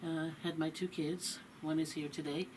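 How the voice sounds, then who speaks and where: A woman's voice: deep voice, moderate pace, background noise. A middle-aged woman from Massachusetts, a musician telling her story as a radio guest in a loose, filler-heavy way. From Massachusetts, USA. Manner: relaxed storytelling with many fillers. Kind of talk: radio interview.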